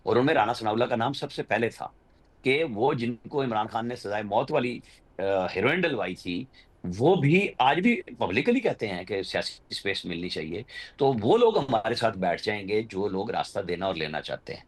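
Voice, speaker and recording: A man with a fairly low, expressive voice and a Pakistani accent talks at normal speed as a journalist and political analyst guest. He offers unscripted political commentary, explaining insistently and at winding length.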